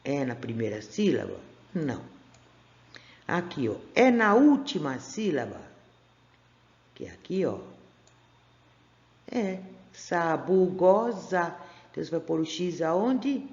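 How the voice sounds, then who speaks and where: This is a recorded remote class for first-grade children, given by a primary school teacher who speaks with a Brazilian Portuguese accent over a camera trained on a workbook. She is patient, lengthens her syllables and puts questions to the class. Her low-pitched female voice is a little mellow, in roomy, dull audio.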